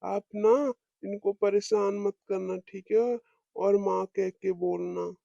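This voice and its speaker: A kindly cartoon father coaxes and soothes his family in a mellow, soft voice, as a woman acts him out. His tone is patient and reassuring. The recording is dull, dry and a little muffled. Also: medium pitch, little pitch movement, slow, vocal fry, dry recording. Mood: coaxing. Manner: soothing, coaxing. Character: gentle father of two, soothing.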